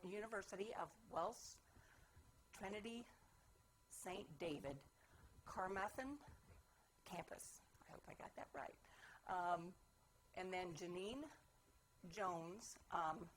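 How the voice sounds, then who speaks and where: A woman presenting a halting, unscripted introduction to a recorded programme. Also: lowish voice, a little hiss or hum, rough recording.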